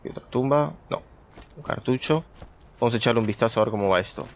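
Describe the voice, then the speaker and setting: A man's voice: mid-range voice, fast talker, highs cut off. A young man giving casual gameplay commentary, chatty and thinking aloud as he plays, talking to his viewers. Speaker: gameplay streamer.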